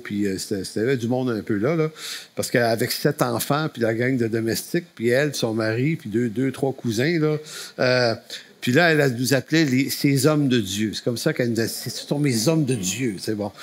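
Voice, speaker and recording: A man with a Quebec French accent speaks to a camp, telling a faith story in a folksy way. He restarts phrases often, in a voice of middle pitch. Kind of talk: storytelling testimony.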